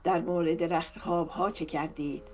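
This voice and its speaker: A woman's voice: on the low side, fairly even intonation, a little hiss or hum, lightly acted. A woman reading as a wry, curious man of the house. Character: curious middle-aged man of the house, mildly mocking. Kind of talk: audiobook character reading.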